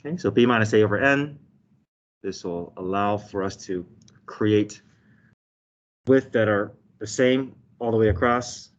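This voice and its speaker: A man's voice: fairly low pitch, measured pace, pauses often. A man teaching a step-by-step math lesson as a teacher, explaining and often checking in with short tag questions. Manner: explanatory, checks in with "okay" and "right". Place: indoors, desk with document camera. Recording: dull, slightly muffled online lesson audio.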